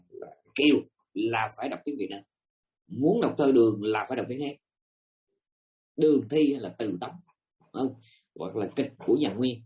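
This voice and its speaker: A man teaching Buddhism to a gathered audience in a dharma talk. His pitch rises and falls in a very animated way at an average level. He speaks emphatically, often turning to his listeners with questions.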